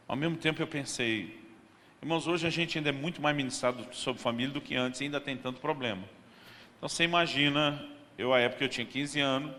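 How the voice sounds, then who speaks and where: A man's voice: medium pitch, a bit bright, a little hiss or hum. A man preaching a sermon with a Brazilian Portuguese accent, telling a story and acting out the dialogue, calling his listeners brothers. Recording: hall reverb.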